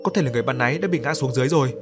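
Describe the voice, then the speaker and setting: A man's voice: mid-range voice, fast, over music, natural voice. A man reading the part of a kind young woman in hospital, pleading and anxious.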